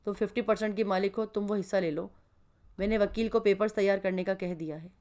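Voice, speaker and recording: A woman reading the lines of a gentle older man, a family patriarch, in a soft, earnest audiobook voice. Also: mid-range voice, steady tone, close to an everyday voice.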